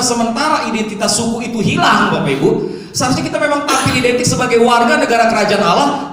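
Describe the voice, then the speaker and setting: A man preaching a sermon as pastor, telling lively stories and mimicking regional dialects. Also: very high voice. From Indonesia. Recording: echoey hall, distant mic.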